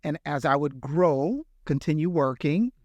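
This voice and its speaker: A man's voice: on the high side, expressive, unhurried, darkish tone, no room sound, lo-fi sound. A middle-aged man from the Bahamas, a healthcare executive, answering interview questions with earnest, reflective storytelling. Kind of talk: interview conversation.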